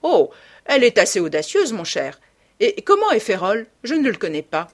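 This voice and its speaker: A woman's voice: medium pitch, huge pitch swings, moderate pace. A woman voicing an elderly aristocratic hostess who is gossipy and teasing, reading an audiobook with exclamatory emphasis.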